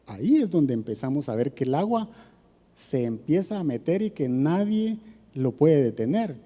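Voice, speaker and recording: Man, Costa Rican accent, sermon, conversational questions, dark mellow tone, long church reverb. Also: a little high, very animated, moderate pace. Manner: conversational preaching with rhetorical questions. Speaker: preacher.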